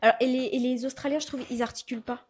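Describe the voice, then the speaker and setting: Woman, twenties, from France, podcast co-host, casual chat, animated storyteller, slightly high voice. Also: rapid-fire. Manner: animated storytelling, acting out quotes.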